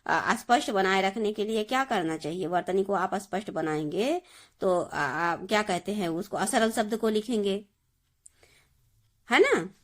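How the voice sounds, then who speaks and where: A woman's voice: medium pitch, unhurried. A woman Hindi teacher giving a grammar lesson, explaining step by step and repeating each word for her students. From India.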